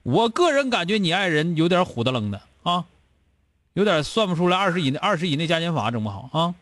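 Male radio advice host, Northeastern Chinese accent, scolding and blunt, lively pitch swings, close dry studio sound. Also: fast talker, dry recording. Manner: blunt, scolding, rhetorical questions. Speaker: radio call-in show host. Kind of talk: call-in advice talk.

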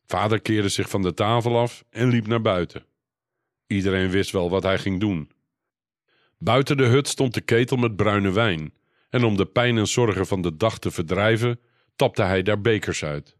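A man reading a children's storybook aloud in a calm, even narration. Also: fairly low pitch, normal speed, no room sound, studio quality.

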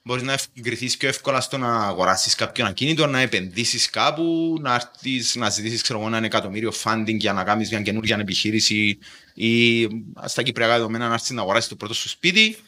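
A man's voice: fairly low pitch, pushed and bright. A man with a Cypriot Greek accent hosting a casual conversational interview, explaining things informally with everyday examples. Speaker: podcast host.

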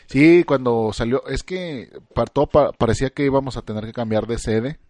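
A man's voice: medium pitch, measured pace, a little mellow, no echo. A man with a Mexican Spanish accent, co-hosting a podcast, joking with lots of slang in casual banter. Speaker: podcast co-host.

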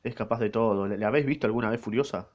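A man's voice: lowish voice, very fast, lo-fi sound, natural voice. A man with an Argentine accent voicing a brash, panicked young swordsman who swears casually. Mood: agitated. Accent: Argentine Rioplatense Spanish. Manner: swears casually, uses vos.

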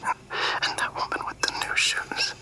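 An actress playing a secretive woman who whispers urgent warnings to someone held captive, in a hushed, careful voice. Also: measured pace.

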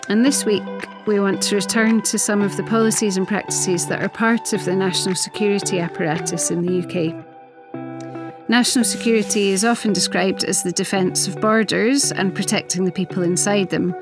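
A woman hosts a podcast in a middle-pitched voice. Her delivery is measured and earnest, part scripted introduction and part interviewing. She sometimes corrects herself mid-word. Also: steady tone, over music. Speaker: podcast host.

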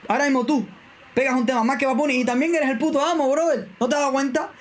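A man with a strikingly high voice rattles off his points at speed. He is co-hosting a casual comedy podcast and keeps pushing his argument over everyone else, repeating words to hammer them home. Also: fairly even intonation, quick pace. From Cuba. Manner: insistent, talks over others, repeats for emphasis. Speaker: podcast co-host.

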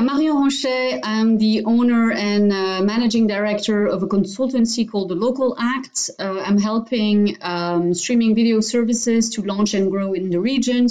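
A woman's voice: mid-range voice, darkish tone. A woman guest on a business podcast, describing her work confidently with filler words. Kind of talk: casual podcast chat.

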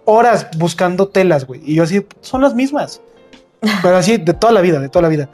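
A young man with a Mexican accent, co-hosting a casual chat with relaxed, slang-heavy banter and easy laughter. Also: high-pitched, rapid-fire, faint music behind. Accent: Mexican Spanish. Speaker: podcast co-host.

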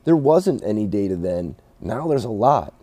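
Dark-voiced man, halting talk. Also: fairly low pitch, breathy edge, no room sound. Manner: halting, restarts often, animated storytelling with quoted voices. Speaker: racing shop owner, guest. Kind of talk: casual interview talk.

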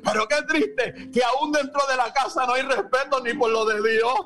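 Very high-voiced man preaching fervently. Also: fairly even intonation, normal speed, faint music behind. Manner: exclamatory, calls out to listeners by name; bursts into shouts. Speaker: pastor. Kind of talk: sermon.

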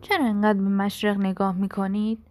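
A woman's voice: medium pitch, flat delivery, darkish tone, natural voice. A woman voicing a blunt old village grandmother.

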